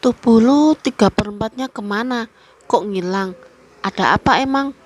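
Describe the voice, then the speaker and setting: A woman voicing a relaxed male street stall owner who talks in easygoing, slangy banter. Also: low voice, measured pace.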